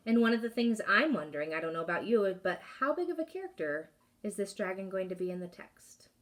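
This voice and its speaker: A woman teacher reading a chapter book aloud to her class, expressive and pausing to ask questions. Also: mid-range voice, distant mic.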